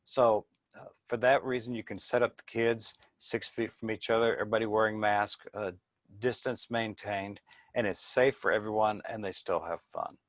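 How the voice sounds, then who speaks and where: A man presents his business in an informal sales talk. His voice sits a little low and he explains things plainly. The sound is dry, with little room in it. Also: fairly even intonation, normal speed, no echo.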